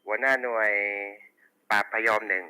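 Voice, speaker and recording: Over a walkie talkie with two-way radio coloring, a man on the low side speaks at normal speed amid background noise. He works as a police dispatcher, running through station reports and call signs in set procedural phrasing.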